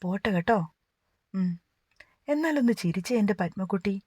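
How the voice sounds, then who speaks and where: Woman voicing a young husband, tender, coaxing, sing-song, mid pitch, dry sound. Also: expressive, moderate pace, darkish tone, slightly rough, no echo.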